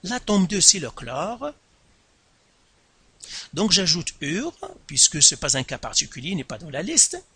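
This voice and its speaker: Slow, emphatic man teaching a lesson. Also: very animated, bright, forceful tone, husky, no room sound. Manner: slow, deliberate, repeats terms and stresses syllables, pitch jumps. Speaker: science teacher. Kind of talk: classroom lesson explaining at a board.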